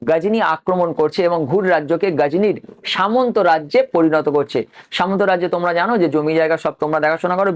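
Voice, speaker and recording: In a fairly high-pitched voice, a man teaching history works through exam preparation, spelling names letter by letter. He raises questions aloud and answers them on his own.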